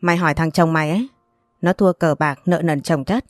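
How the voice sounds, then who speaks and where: A woman's voice: low voice, fairly quick, no echo, faint music behind, close to an everyday voice. A woman voicing a crude, threatening male loan-shark thug in a read-aloud story. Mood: menacing. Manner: threatening, coarse.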